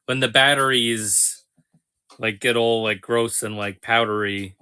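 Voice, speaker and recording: A man's voice: mid-range voice, steady tone, a little slow, sharp tone, clean tone. A man hosting a live toy sale stream, chatting casually with viewers, joking and laughing often.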